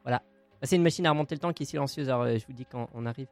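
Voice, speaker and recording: A man's voice: mid-range voice, racing, no echo, soft background music. A man co-hosting a casual podcast, presenting a segment in a playful, theatrical, jokey way.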